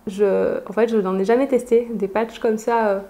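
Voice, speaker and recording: A woman's voice: a little high, fairly even intonation, moderate pace, dark tone. A young woman chatting casually as she unboxes beauty products, with frequent fillers and easy laughs. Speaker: beauty vlogger.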